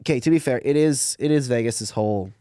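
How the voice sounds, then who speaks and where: A man's voice: medium pitch, brisk, warm tone, clear, resonant tone, no room sound, clean studio sound. A man co-hosting a casual sports podcast, rambling and repeating words as he jumps into the conversation. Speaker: podcast co-host.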